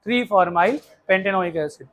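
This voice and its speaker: A man teaching a chemistry class, briskly quizzing students and urging them to hurry, mixing Hindi with English terms. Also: high voice, a bit bright. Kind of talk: classroom lecture.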